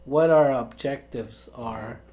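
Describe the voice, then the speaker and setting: A man's voice: mid-range voice, slow, mellow. A man co-hosting a casual podcast, joking and earnest, dropping in Spanish exclamations. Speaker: podcast co-host.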